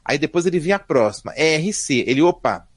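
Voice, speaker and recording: A man, telling stories as a podcast guest in a lively, slangy way. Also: on the high side, fairly quick, no echo. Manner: lively and slangy, voice rising and falling. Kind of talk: casual storytelling chat.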